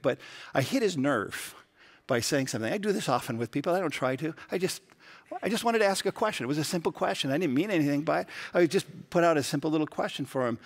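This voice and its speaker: A man preaching a sermon in a church, telling stories in an earnest, conversational way. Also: a little high. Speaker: pastor. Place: church sanctuary.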